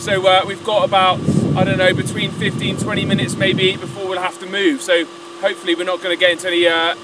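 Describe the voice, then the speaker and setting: A man's voice: high-pitched, level tone, fast talker. A man presenting a storm-chasing video diary on location, speaking off the cuff and reacting as he goes. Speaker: presenter reporting on a storm chase. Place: outdoors by the road and inside a car. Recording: loud music, outdoor and car noise, distant mic.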